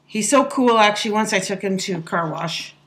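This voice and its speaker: A woman's voice: medium pitch, expressive, brisk, a bit bright. A woman telling a funny story in a casual, chatty voice-over, laughing often as she talks. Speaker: soap maker telling a story.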